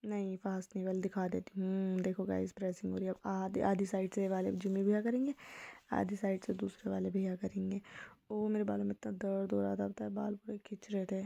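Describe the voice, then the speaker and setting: Soft-spoken young woman, gravelly voice. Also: medium pitch, level tone, brisk, no room sound. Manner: soft, hushed, chatty. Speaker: vlogger. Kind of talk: casual voice-over vlog narration.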